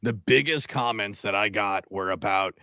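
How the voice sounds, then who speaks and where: A man in his forties hosting a casual podcast chat, blunt and animated, swearing freely. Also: on the low side, normal speed, no room sound, clean studio sound. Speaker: podcast host.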